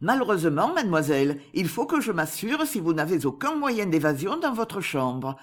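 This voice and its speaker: A woman voicing a smooth, sly middle-aged male bailiff who speaks in a suave, officious way. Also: on the low side, big pitch swings, normal speed.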